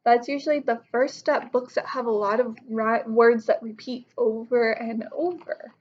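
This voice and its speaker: A teacher in her thirties, seated on a living room couch at home, reads and explains a picture book to young pupils at normal speed. Her voice is a little high. The highs in the recording are cut off.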